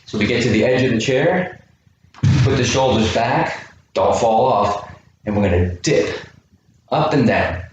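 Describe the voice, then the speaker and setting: Man coaching kids through a workout, unhurried, far from the camera mic in a very echoey room. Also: medium pitch, animated, highs cut off. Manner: encouraging, counts reps aloud, asks kids questions. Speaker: youth fitness coach. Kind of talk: home workout class for kids. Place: indoor room with a chair. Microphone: camera microphone from a distance. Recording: very echoey room, distant mic, faint noise.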